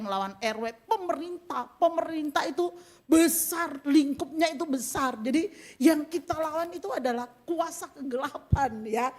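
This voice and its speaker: A middle-aged woman preaching a sermon in a chatty, animated way, addressing the women directly with laughing asides. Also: high-pitched. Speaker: pastor.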